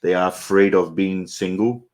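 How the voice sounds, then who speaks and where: A man's voice: low voice, steady tone, normal speed, a little mellow. A middle-aged man co-hosting a casual talk about marriage, often repeating words as he searches for them. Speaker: co-host.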